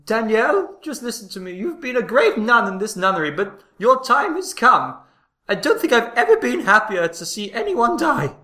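A man's voice: very high voice, sing-song, normal speed, bright, forceful tone, exaggerated voice. A man playing a stern, ambitious, melodramatic nun with theatrical exclamations in an improvised comedy scene. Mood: stern, gleeful. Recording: echoey room.

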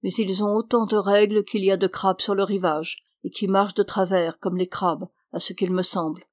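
A woman's voice: medium pitch, level tone, normal speed, no echo, close to an everyday voice. A stern, outspoken old priest raises his voice in severe, indignant bursts, as a woman reads him in an audiobook. The sound is close and dry, with no room around it. He talks in a plain, everyday register. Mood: kindly.

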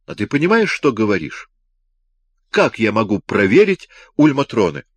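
Brief: a male reader doing a giddy, teasing young scientist, voice lifted high and loud, in a dry studio read. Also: wildly swooping pitch, normal speed, husky, no echo, exaggerated voice. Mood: irritated. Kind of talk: audiobook character reading.

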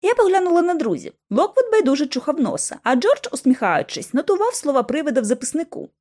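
A woman reads a first-person audiobook with expressive, dramatic delivery. Her voice is high and very lively, rising and falling across each sentence. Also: quick pace. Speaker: audiobook narrator.

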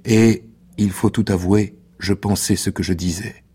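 A man giving a measured, intimate and theatrical radio reading of a classic novel in the first person. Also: lowish voice, steady tone, warm tone, slightly rough. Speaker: reader.

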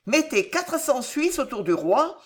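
A woman's voice: sits high, very animated, unhurried, voice pushed up. A woman reading an audiobook, voicing an imperious aging queen who gives ruthless orders in an emphatic, commanding way. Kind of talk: audiobook character voice.

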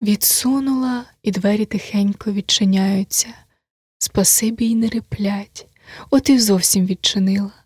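A woman narrating a classic story as an audiobook, measured and often hushed to a near whisper. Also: mid-range voice, fairly even intonation, slightly rough, no echo, studio quality.

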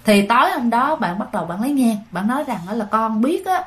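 Brief: woman narrator, casual ghost-story telling, slightly high voice. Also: lively intonation, quick pace. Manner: chatty, addresses listeners directly.

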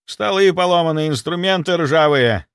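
Inquisitor shouting across a room, raised pitch, read by a male narrator. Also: very animated, normal speed, vocal fry, no echo, studio quality, exaggerated voice. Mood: calling out. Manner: calling out loudly. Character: second male inquisitor, calling out finds.

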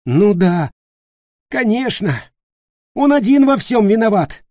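Guy voicing a freaked out young dude yelling, sarcastic, voice pushed up high. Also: very animated, slow, no room sound, clean studio sound, heavily acted. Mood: accusing. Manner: shouting, sarcastic and accusing. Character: horrified, accusing young man.

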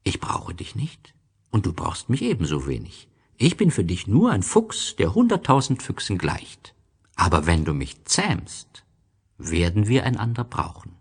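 A wise, wary fox from a storybook, voiced by a man. He explains patiently in a husky, creaky voice, with plenty of rise and fall. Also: fairly low pitch, wildly swooping pitch, a little slow, voice pushed up, full character voice. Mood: earnest, tender. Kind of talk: storybook reading.

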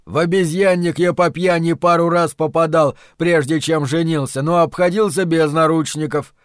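A man's voice: a little high, steady tone, no echo, studio quality, natural voice. A man voicing an angry older farmhand who drags out every word. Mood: seething. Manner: drawn-out words, seething. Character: furious drawling older male farmhand.

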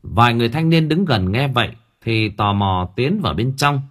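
A man's voice: mid-range voice, expressive, moderate pace. A man narrating a horror story for an audiobook in a vivid, dramatic way.

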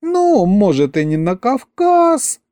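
A man reading an audiobook, voicing a giddy young vampire girl who gushes in drawn-out sighs. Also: high-pitched, sing-song, mellow, dry recording, voice pushed up. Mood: dreamy. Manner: sighing, drawn-out, breathless gushing.

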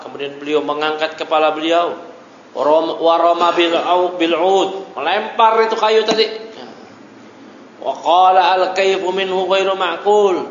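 A man teaches from a religious text in a slightly higher voice than most men. He reads a line, explains it, and keeps checking in with his listeners. The recording is dull and lo-fi, with a long echo from a large hall and a faint hiss. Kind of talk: classroom lecture on a religious text.

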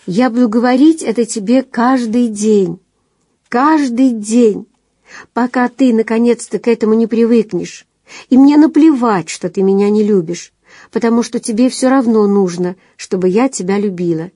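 A woman's voice: on the high side, moderate pace, dark tone, dry recording, clean studio sound, voice pushed up, close to an everyday voice. A woman voicing an insistent fourteen-year-old girl. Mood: earnest. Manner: intense, insistent declarations. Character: earnest, stubborn 14-year-old girl in love. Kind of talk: audiobook dialogue reading.

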